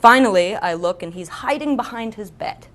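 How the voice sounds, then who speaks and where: A woman in her twenties, a celebrity guest on a web talk show, telling a lively, self-deprecating comic story and acting out the voices of the people in it. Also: medium pitch, moderate pace, a little hiss or hum.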